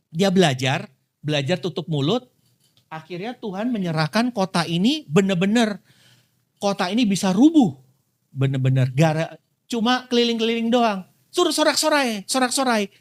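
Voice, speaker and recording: A man preaching a sermon in a casual, playful way, acting out quick quotes and laughing along. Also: high-pitched. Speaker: pastor.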